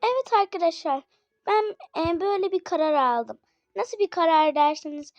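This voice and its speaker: Woman, high voice, casual game commentary for viewers, chatty and excitable, slightly unwell, dry dull lo-fi mic. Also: normal speed, no room sound. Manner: chatty, addresses viewers often, excitable exclamations. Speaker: gaming channel host.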